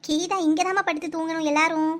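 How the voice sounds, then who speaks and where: Fast, bright, high woman's cartoon voice. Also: steady tone. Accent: Kanyakumari Tamil. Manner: brisk, bossy village chatter. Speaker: cartoon voice artist. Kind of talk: cartoon voice acting.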